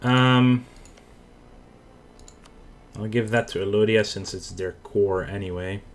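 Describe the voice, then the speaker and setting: In a slow, somewhat low voice with a Dutch accent, a gaming channel host talks through his own strategy game in a relaxed, off-the-cuff let's play. He muses aloud and corrects himself mid-sentence, while keyboard typing and slight background noise sit behind him.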